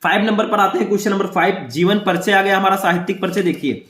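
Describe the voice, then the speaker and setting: A man's voice: high voice, fairly bright tone. Male teacher, echoey room. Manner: explains step by step, reads passages slowly aloud. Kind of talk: exam-prep lesson.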